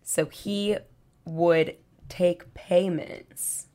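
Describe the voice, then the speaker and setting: A woman with a raspy voice hosting a podcast, chatting casually and asking her guest questions. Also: fairly low pitch, steady tone, drawn-out words, mellow. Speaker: podcast host.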